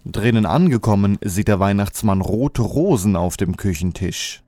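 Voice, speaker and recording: Low mellow male storyteller. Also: moderate pace, no room sound, clean studio sound. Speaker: narrator. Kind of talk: fairy-tale narration.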